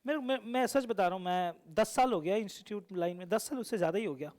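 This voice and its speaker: A man with a fairly high voice, teaching math in a classroom. He keeps firing the same questions back at the students and teases them as he goes. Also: fast, darkish tone. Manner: teasing, asks the class repeated questions. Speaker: coaching teacher.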